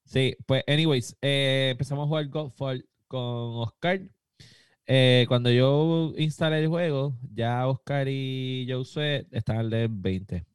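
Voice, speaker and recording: A man's voice: mid-range voice, a little slow, clean tone, no echo. A man co-hosting a casual gaming chat, laid-back and dropping English words now and then. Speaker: podcast co-host.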